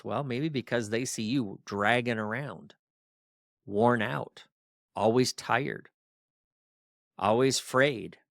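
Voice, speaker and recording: A man's voice: medium pitch, fairly bright tone, no echo, studio quality. A middle-aged man hosting a podcast, coaching ministry leaders in a firm, exhorting drill-sergeant tone, firing off rhetorical questions. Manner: rapid-fire rhetorical questions. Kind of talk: podcast monologue.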